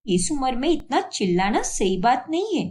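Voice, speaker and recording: A cheerful young daughter-in-law in a cartoon story, voiced by a woman. She brushes off every complaint in a breezy, carefree way, with a high voice that swings widely. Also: sing-song, moderate pace, a little mellow.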